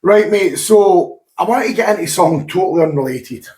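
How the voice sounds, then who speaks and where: A Scottish man hosts a casual podcast chat, talkative and quick to swear. His voice sits a little high for a man. It rings back off the walls of an echoey room. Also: lively intonation, mellow. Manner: chatty, swears freely. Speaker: podcast host and gym owner.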